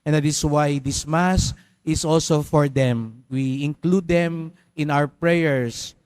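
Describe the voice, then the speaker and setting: A man's voice: fairly high pitch, takes it slowly, darkish tone, clear, resonant tone. A man with a Filipino accent, a native Tagalog speaker, giving a conversational sermon as a priest in church.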